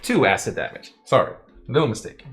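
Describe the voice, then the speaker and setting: A woman's voice: a bass voice, big pitch swings, normal speed, soft background music. A woman casually running a tabletop roleplaying game as game master.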